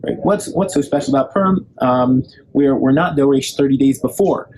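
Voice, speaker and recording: A man's voice: mid-range voice, normal speed. A young man giving a Torah lesson, reading Hebrew and Aramaic sources aloud and explaining them in English. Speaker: Torah teacher. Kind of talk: recorded Talmud lecture. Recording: clear background noise with passing vehicles.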